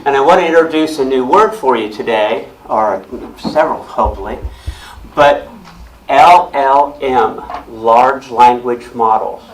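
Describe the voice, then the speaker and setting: Speaking as a guest on technology, a man explains things to a club audience in a meeting room, talking loudly and plainly through a handheld or stand mic on a speaker system. His middle-pitched voice is unhurried, and he restarts and repeats words as he works through his points. The recording is low quality, with slight background noise.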